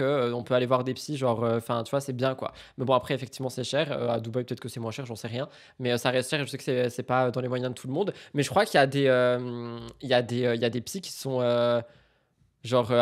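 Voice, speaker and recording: A young man chatting on a live stream, rambling through news and viewer comments. He swings between sudden loud outbursts and low, mumbled asides, with a middling pitch. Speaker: streamer reacting to celebrity news. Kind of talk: casual live-stream chat.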